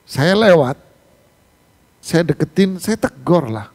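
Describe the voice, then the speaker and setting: A man's voice: a little high, takes it slowly, vocal fry. A man preaching a mosque sermon, telling stories and asking rhetorical questions. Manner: animated storytelling with rhetorical questions. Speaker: Islamic preacher. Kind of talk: mosque sermon on Quran exegesis.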